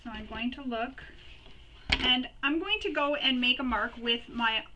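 A woman hosting a sewing tutorial, giving practical step-by-step instructions and pausing while she works. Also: on the high side, pushed and bright, recorded from a distance, a little hiss or hum, low-quality recording. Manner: chatty and practical, pauses while working.

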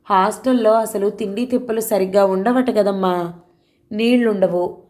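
A woman's voice: mid-range voice, steady tone, moderate pace, darkish tone, natural voice. A woman voicing an anxious poor mother. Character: poor middle-aged mother, anxious and worn.

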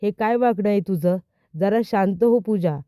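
A woman's voice: medium pitch, moderate pace, mellow, no room sound, clean studio sound, natural voice. A woman voicing a stern, exasperated young husband who scolds firmly, reading his lines in a recap. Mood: scolding.

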